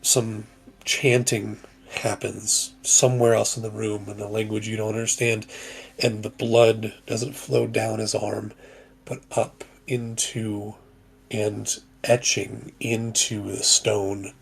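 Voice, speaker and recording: Slow, gravelly-voiced man narrating a game. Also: on the low side, little pitch movement. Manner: slow, measured descriptive narration. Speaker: game master.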